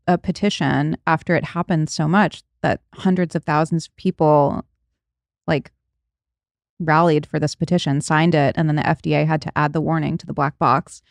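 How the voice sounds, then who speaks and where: Her voice is low, and the studio-quality recording has no echo. She's a podcast host in her late thirties, chatting casually, often laughing and leaving thoughts unfinished.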